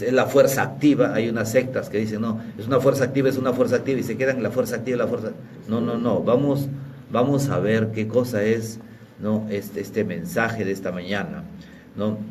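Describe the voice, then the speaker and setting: A man's voice: lowish voice, darkish tone, slight background noise. Peruvian man preaching from a distance. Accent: Peruvian Spanish. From Peru. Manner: teaching, frequent tag questions. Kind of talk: sermon.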